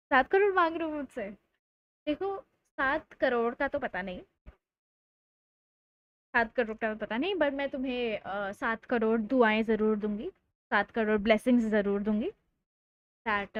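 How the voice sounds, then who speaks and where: A young woman teaching chemistry in a live online lecture, joking with students and drawing out key terms slowly for emphasis. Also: on the high side, highs cut off. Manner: playful, teasing students between explanations.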